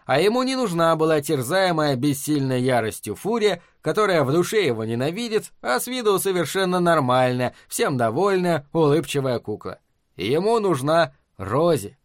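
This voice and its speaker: Casting: male audiobook narrator, fairly high voice, bone-dry close recording. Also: sing-song, moderate pace, no room sound. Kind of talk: scripted narration.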